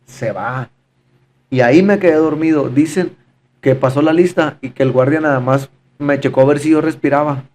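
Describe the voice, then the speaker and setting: A man's voice: fairly high pitch, moderate pace, a little mellow, slight background noise. Fervent man giving testimony. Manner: fervent, repetitive, addresses the host as brother. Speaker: podcast guest giving testimony. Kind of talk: emotional testimony in conversation.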